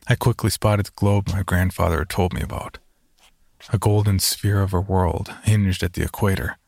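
A man narrating a first-person horror story in a measured, storytelling tone. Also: on the low side.

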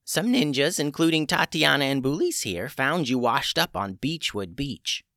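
A man voicing an old female witch healer who is brisk and matter-of-fact. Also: mid-range voice, expressive, bright, forceful tone, no room sound, studio quality, pitched above the performer's own voice.

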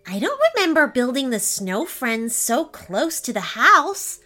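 A woman voicing a playful, imaginative young girl in a children's storybook, gentle and giggly. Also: high-pitched, sing-song, unhurried, faint music behind, exaggerated voice.

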